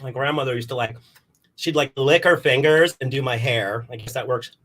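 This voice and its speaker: Medium in pitch and fairly bright, this man's voice moves at a moderate pace. He's performing a rambling comic piece to camera for an online showcase, sounding flustered, apologetic and down on himself. His style is theatrical, marked by abrupt exclaimed outbursts.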